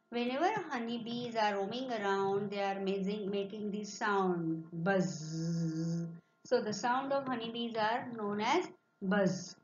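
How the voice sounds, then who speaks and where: A woman's voice: fairly high pitch, a little mellow, slight background noise. A woman teacher with an Indian accent giving an online lesson, explaining in English and Marathi and imitating animal sounds. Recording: roomy, muffled lo-fi sound.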